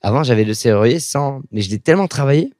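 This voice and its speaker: A man chats on a podcast in a mid-pitched, easygoing voice. He breaks into short acted-out snippets while explaining how he wrote them. The sound is close and dry. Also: quick pace, no room sound. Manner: relaxed, chatty, acts out bits while explaining. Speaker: comedian guest. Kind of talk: casual podcast interview.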